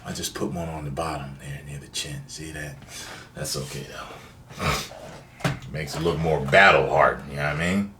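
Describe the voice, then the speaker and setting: A man's voice: a bass voice, fairly even intonation, normal speed, far from the mic. A man hosting a casual unboxing video, chatting in a playful, slangy, exclamatory way. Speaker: video host. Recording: roomy, off-mic, faint noise.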